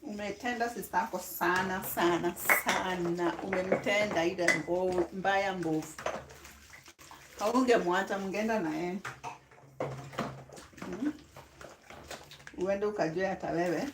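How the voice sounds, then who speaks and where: Kenyan woman, live-stream host, unhurried easy delivery, chatty with viewers, faint hiss behind. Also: on the low side, reverberant. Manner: chatty, greets viewers by name, mixes in Swahili phrases. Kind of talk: casual live-stream chat.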